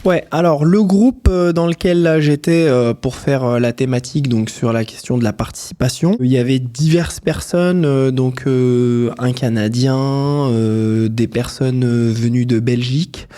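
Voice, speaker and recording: A man from Paris, a youth program participant answering interview questions with many fillers and pauses. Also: mid-range voice, dark tone.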